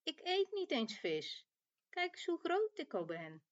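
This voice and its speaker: A woman voicing a stubborn, defiant little male lamb in a storybook tale, shouting his refusals. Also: big pitch swings, unhurried, dull audio. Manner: shouts refusals, high and loud.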